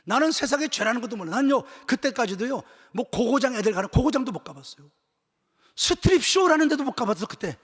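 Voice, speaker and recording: A male pastor preaching an emotional sermon at a church retreat. He tells a personal story, swinging from loud exclamations to hushed whispers. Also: very high voice, sing-song, fast. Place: church sanctuary. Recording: echoey church hall with long reverb.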